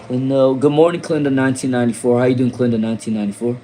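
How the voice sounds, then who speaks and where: This tarot reader, a man from Rhode Island, races through casual live-stream readings in a mellow, medium-pitched voice, repeating names and questions and filling gaps with fillers. Slight background noise sits under a low-quality recording.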